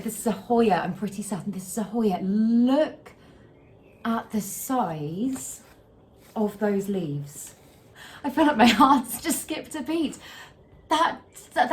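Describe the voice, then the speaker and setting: A young UK houseplant content creator gushes through a casual unboxing vlog, her slightly high voice a bit croaky after a late night. She's excitable, repeats words and breaks into laughter.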